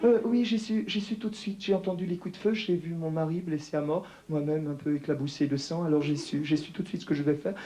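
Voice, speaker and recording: A man's voice: fairly high pitch, monotone, fast, hardly any pauses, dark tone, lightly acted. A man putting on the voice of a prim, self-justifying widowed First Lady in a mocking way. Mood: affected. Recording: echoey theatre hall.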